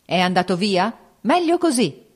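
In an audiobook, a harsh domineering old baron hurls scornful rebukes at his daughter, as a woman reads him. His voice runs high and loud, straining upward as his temper flares. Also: animated, normal speed, close to an everyday voice. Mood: angry. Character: furious older nobleman father, harsh and domineering. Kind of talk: audiobook character reading.

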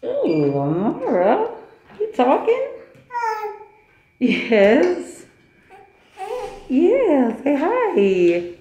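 Chatty mom vlogging on a handheld camera. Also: female voice, sits high, huge pitch swings, very slow, pauses often, warm tone, dull audio, a little hiss or hum. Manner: chatty, playful, talks to baby and kids. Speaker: vlogger and mother. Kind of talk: casual family vlog narration. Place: hotel room, lobby and city streets.

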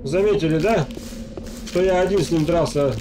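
Man, gamer, slightly high pitch, casual self-talk commentary, clearly noisy game audio behind. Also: moderate pace. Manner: muttering to himself while playing, addressing viewers. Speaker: gamer, let's play host.

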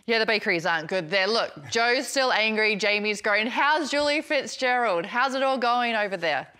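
Bright bubbly New woman host. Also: a little high, lively intonation, normal speed, a little hiss or hum. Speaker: sports show host. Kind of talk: casual sports chat.

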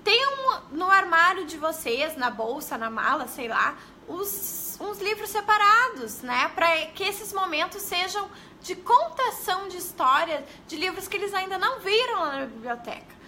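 A young Brazilian woman educator chats through a live stream in a high, bright voice. She talks casually, greets her viewers and keeps tagging her sentences with questions. Her tone is sharp and forward. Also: sing-song, measured pace, slight background noise. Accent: Brazilian Portuguese. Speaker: early-literacy educator.

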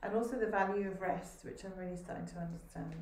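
A woman panelist speaks calmly and reflectively in a mellow, dark-toned voice. She sits away from her microphone in an echoey room. A faint hiss runs under her video-call audio. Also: lowish voice, fast talker, distant mic.

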